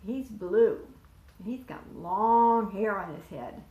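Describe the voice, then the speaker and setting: This volunteer storyteller speaks at a medium pitch, reading a picture book to preschool kids in an unhurried, animated way. She asks them questions and points to the illustrations. The sound is phone-quality, and the room has an echo.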